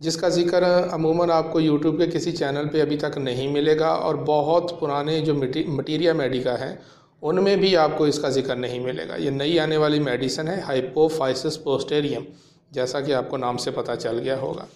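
A man in his thirties, a homeopathic practitioner, explaining a medicine to camera in a measured way with frequent fillers, in a small room. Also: fairly high pitch, fairly even intonation, a little mellow. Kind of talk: educational talk to camera. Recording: echoey room.

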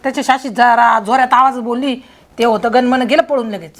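A woman's voice: on the high side, brisk, natural voice. A woman playing a bossy village sister. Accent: rural Marathi. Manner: bossy, scolding. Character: bossy village elder sister arranging a match. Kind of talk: village comedy sketch.

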